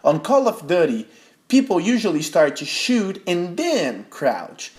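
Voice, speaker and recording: Hosting a gaming tutorial, this young man from Brazil talks in unhurried, sing-song English with a high-sitting voice. He's a non-native speaker whose first language is Portuguese, and his Brazilian accent colors the step-by-step gameplay tips. There's a slight background hiss.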